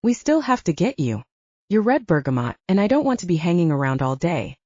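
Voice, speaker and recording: Woman doing a haughty noblewoman, snappish, scornful, mellow voice, dry sound. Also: fairly low pitch, sing-song, a little fast, no echo. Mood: impatient. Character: haughty impatient young noblewoman. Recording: dull lo-fi.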